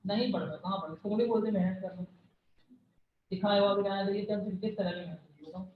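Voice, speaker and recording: A man's voice: high-pitched, fast talker. A man teaching a chemistry class, quizzing his students and repeating answers, sometimes scolding them. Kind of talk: classroom lecture. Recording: far, echoey, phone-like room recording.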